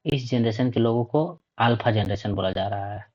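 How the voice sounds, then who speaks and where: A man of medium pitch and darkish tone lectures at normal speed, reading points out and then explaining them. He often checks in with "okay," saying 'ठीक है' repeatedly, and the recording sounds dull and lo-fi.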